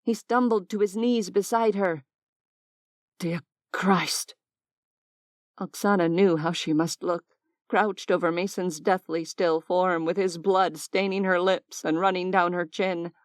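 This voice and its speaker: A woman narrating an audiobook in a measured, deliberate way on a close mic. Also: on the low side, fairly even intonation, dry recording. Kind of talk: scripted narration.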